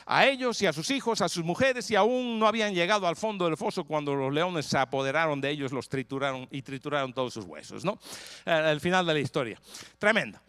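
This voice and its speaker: A man preaching a sermon as pastor, retelling a scripture story in a lively way with frequent rhetorical questions. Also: high voice, clean tone, no echo. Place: church in Texas.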